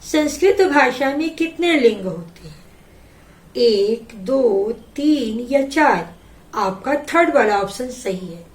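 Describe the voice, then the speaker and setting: A woman teaching a Sanskrit lesson, slowly reading each word and then giving its meaning. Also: a little high, lively intonation, echoey room. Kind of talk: slow classroom explanation.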